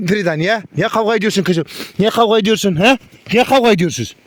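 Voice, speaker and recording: A man's voice: high-pitched, fast. A man vlogging among his dogs, talking to viewers and cooing fondly at the animals, his voice jumping up when he speaks to them. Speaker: dog breeder vlogger. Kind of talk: casual talk to dogs and viewers.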